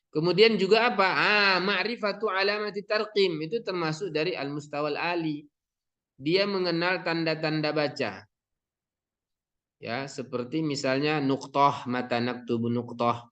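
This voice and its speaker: A man's voice: medium pitch, a bit bright, lo-fi sound. Man lecturing, mixing in Arabic terms. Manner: explanatory, mixing in Arabic terms, frequent fillers and self-corrections. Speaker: Arabic teaching instructor.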